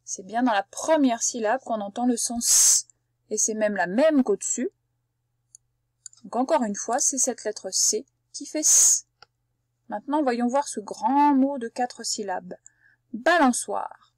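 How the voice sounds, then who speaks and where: A woman's voice: fairly high pitch, a little slow, darkish tone, no room sound. A woman teaching a reading lesson to young children, patiently sounding out words syllable by syllable and talking straight to the child. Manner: addresses the child directly as tu. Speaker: primary school teacher.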